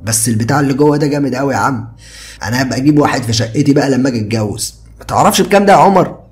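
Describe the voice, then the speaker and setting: A man's voice: medium pitch, lively intonation, racing, soft background music, pitched above the performer's own voice, natural voice. A man voicing a carefree young male friend who jokes and brushes off worry, in an Egyptian Arabic accent. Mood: teasing. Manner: easygoing, joking, brushes off worry.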